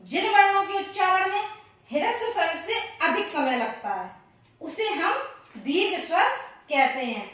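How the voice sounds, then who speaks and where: A woman's voice: very high voice, expressive, measured pace, a bit bright. A woman teaching a grammar lesson, patiently counting, repeating terms and answering her own questions. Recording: echoey room, voice far from the mic.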